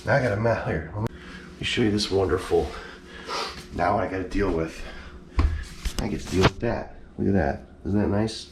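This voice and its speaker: A man's voice: sits low, moderate pace, long pauses, very noisy. A man collector talking casually in a blunt, exasperated way and swearing freely. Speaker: mask collector. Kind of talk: casual vlog ranting.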